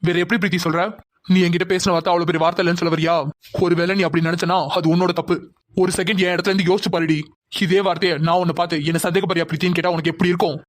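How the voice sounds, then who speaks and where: A man voicing a hurt, angry young man in a cartoon, scolding fast and bitterly. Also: high-pitched, little pitch movement, close to an everyday voice. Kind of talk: cartoon voice acting.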